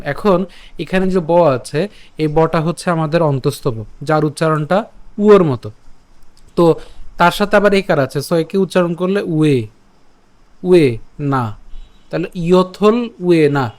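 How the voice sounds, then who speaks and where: A man teaching pronunciation of a scripture verse step by step, breaking words into syllables and repeating them slowly. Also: a little high, darkish tone. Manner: chants verses in a slow melody. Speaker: Gita recitation teacher.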